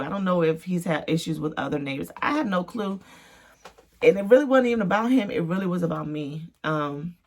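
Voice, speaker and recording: Low gravelly-voiced woman telling a faith story. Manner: animated storytelling, acts out quoted voices. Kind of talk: personal faith testimony, casual monologue.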